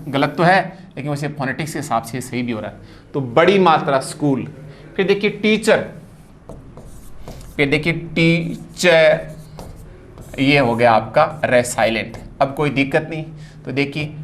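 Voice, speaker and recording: A man's voice: on the high side, fairly bright tone, a little hiss or hum. Hindi-accented male teacher explaining phonetics. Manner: explanatory, repeats "dekhiye" often. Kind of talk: exam-prep phonetics lesson.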